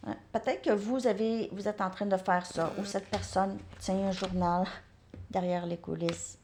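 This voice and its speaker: A woman's voice: mid-range voice, steady tone, unhurried, a little mellow, slight background noise. A woman, talking casually and thinking aloud with restarts and chuckles as she reads out advice.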